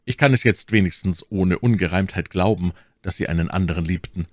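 A man's voice: low voice, fairly quick, a little mellow, no room sound, studio quality, natural voice. A man voicing a gallant, earnest young swordsman who speaks in a courtly, pleading way in an audiobook. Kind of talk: audiobook character voice.

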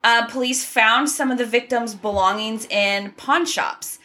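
Her voice is a bit high and a bit slow, bright and pushed. She's one of the hosts of an easygoing true crime podcast, chatting her way through case facts with small asides and laughter.

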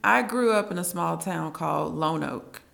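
A woman in her thirties from Arkansas, a guest in a casual interview, telling her story calmly and plainly. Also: deep voice, normal speed, gravelly. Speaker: guest, entrepreneur.

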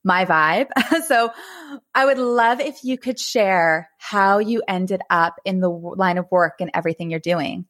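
A woman's voice: fairly low pitch, measured pace, a bit bright. A woman hosting a podcast interview, enthusiastic and chatty with her guest. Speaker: podcast host.

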